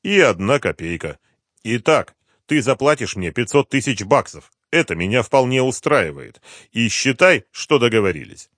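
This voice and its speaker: A man's voice: medium pitch, sing-song, normal speed, a bit bright, no echo, clean studio sound, pitched above the performer's own voice. A man voicing a cold, calculating colonel on the run who talks in terse, hard commands. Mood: cool.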